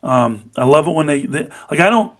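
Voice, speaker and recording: This podcast co-host, a middle-aged man, speaks briskly and expressively in a fairly high voice. The conversation is casual and eager, all about golf, with frequent uses of "you know what I mean."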